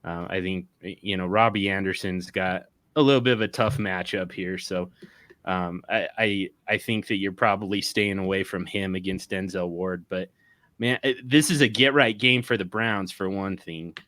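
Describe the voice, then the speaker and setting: A man's voice: deep voice, normal speed, fairly bright tone, dry recording. A man talking on a casual sports show, joking and stumbling over restarts. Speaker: podcast panelist.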